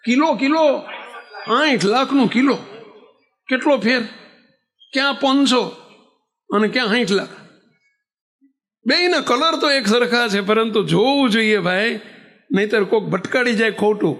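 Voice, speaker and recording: A man's voice: very high voice, measured pace, long pauses. A man, a monk preaching a sermon, telling stories and asking the audience rhetorical questions. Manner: lively storytelling with rhetorical questions.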